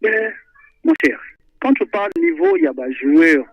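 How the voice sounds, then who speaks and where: This caller to a radio show has a very high, creaky male voice and speaks at a normal speed. He chats about football with real animation, often hesitating and repeating himself. The tinny phone line carries no echo.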